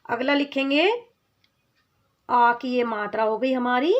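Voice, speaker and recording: A woman gives a children's lesson on vowel signs in a fairly high voice. She moves slowly and patiently. She asks a question, answers it herself, and warmly calls the child "beta". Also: fairly even intonation, lo-fi sound. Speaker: teacher. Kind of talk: slow children's Hindi lesson.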